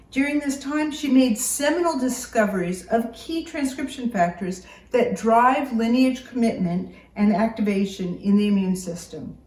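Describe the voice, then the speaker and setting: A woman giving a formal, scripted podium speech introduction in a measured, read-out delivery. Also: on the high side, a little mellow. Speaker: academic introducing a keynote speaker. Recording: roomy echo, distant microphone.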